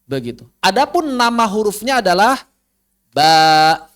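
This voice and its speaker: Brief: high-pitched male tajwid teacher, online class, quizzes his students and draws out the letters. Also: big pitch swings, a bit bright. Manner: explains with repeated questions to students, drawn-out recited letters. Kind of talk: online recorded class lesson.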